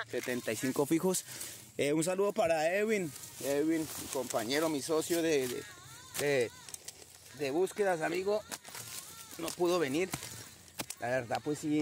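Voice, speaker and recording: A man's voice: a little high, background noise. A man narrating a casual outdoor metal detecting vlog, chatty and constantly addressing his viewers as friends. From Colombia. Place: outdoors in nature.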